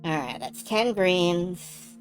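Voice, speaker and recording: A woman's voice: on the low side, expressive, takes it slowly, low-quality recording. A woman giving casual, sweary game commentary as a let's play host, narrating her own moves as she goes. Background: game music.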